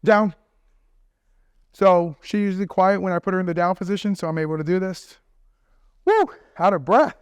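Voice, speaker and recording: Working with his dog in an instructional training video, a dog trainer coaches viewers step by step on teaching a dog to bark on command, keeping things upbeat, asking "right?" and "okay?" often, and praising and commanding the dog mid-session. His high voice is fairly even in intonation and quick with few pauses, and the sound is clean with no room sound.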